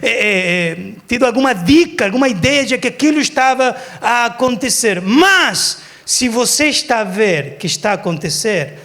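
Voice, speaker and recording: A man preaching a sermon in church, telling stories and acting out quotes for laughs. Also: very high-pitched. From Argentina. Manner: lively storytelling, acts out quotes for laughs. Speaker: pastor. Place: church service.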